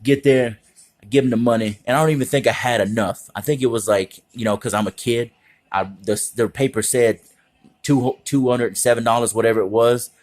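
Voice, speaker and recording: A man casually telling profane, animated stories, often jumping into other voices. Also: fairly quick. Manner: animated, profane, acts out voices with big pitch jumps. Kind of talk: casual storytelling.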